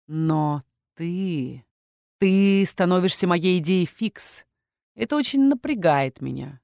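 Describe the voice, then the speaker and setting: A woman reading the lines of a possessive young dragon-shifter man in a hushed, insistent, heated tone, in an audiobook. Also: lowish voice, lively intonation, takes it slowly, gravelly, dry recording, clean studio sound, heavily acted. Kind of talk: audiobook character voice.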